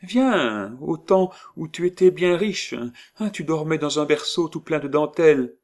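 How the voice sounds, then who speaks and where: A sly schemer posing as a sugary old woman, as a male reader puts her on in a storybook reading. The voice is lifted well above his own and coaxes with a sing-song sweetness, lively and bobbing in pitch. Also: measured pace. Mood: coaxing. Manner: wheedling, sweet-talking a child. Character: crafty man posing as a coaxing old woman. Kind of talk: audiobook character voice.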